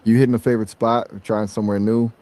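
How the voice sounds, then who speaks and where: A man's voice: lowish voice, flat delivery, fast, mellow. A synthetic male voice acting as a conversation guest, laid-back and upbeat, full of casual slang. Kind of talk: casual chat.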